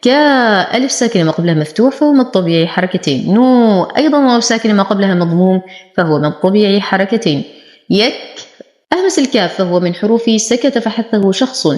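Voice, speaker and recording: Woman tajweed teacher, explains a rule then stretches out each word, medium pitch, echoey room. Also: animated, a little mellow. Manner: explains each letter rule, then recites words very slowly. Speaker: Quran recitation teacher. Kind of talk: slow tajweed lesson with drawn-out recitation.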